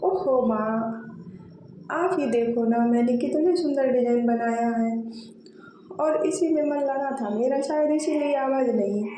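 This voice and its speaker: A sweet young daughter, voiced by a woman narrator coaxes her mother in a high, mellow voice. The tone stays gentle and easygoing. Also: unhurried, a little hiss or hum. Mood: coaxing. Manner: sweet, coaxing. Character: cheerful young daughter, dreamy, henna-loving.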